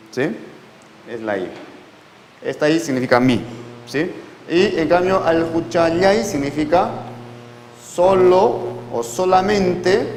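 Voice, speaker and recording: Male language teacher, slightly high voice, deliberate pace, lecture in a reverberant hall with faint noise. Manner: slow, patient, repeats words and checks with students. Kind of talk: classroom lecture.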